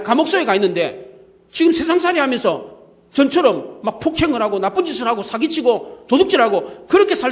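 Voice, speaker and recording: A man preaching a sermon as pastor, telling lively everyday stories and acting out the scenes he describes. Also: very high-pitched. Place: church sanctuary. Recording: long reverb of a church hall.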